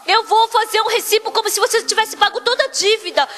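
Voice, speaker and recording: A woman voicing a tearful male loan shark who pleads for forgiveness in a high, strained voice. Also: quick pace, fairly bright tone, long reverb tail. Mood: begging.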